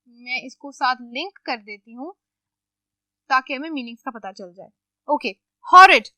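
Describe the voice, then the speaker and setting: A woman teaching English vocabulary to children, explaining each word slowly and asking questions that she answers herself, mixing English into her Urdu. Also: high voice, pushed and bright, dry recording, clean studio sound. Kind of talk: classroom vocabulary lesson.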